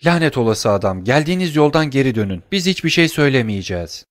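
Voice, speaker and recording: A man's voice: medium pitch, very animated, fast, voice pushed up, natural voice. A man voicing a cold, scornful young woman in an audiobook, speaking in a cutting, contemptuous manner.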